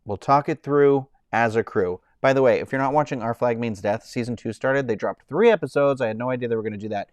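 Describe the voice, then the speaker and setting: This man in his thirties talks fast, barely pausing, as he chats casually with live-stream viewers in a rambling way, with plenty of "um," "like," and restarted sentences. He describes his own voice as high-pitched, though his pitch is average for a man. The sound is dry and up close, with no reverb.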